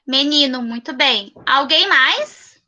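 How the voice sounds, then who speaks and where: A high, very bright woman with a Brazilian Portuguese accent leads an online class for young children. She speaks patiently, repeats each child's answer slowly and gives praise, heard through a computer mic on a video call. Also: animated, lo-fi sound. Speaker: primary school teacher.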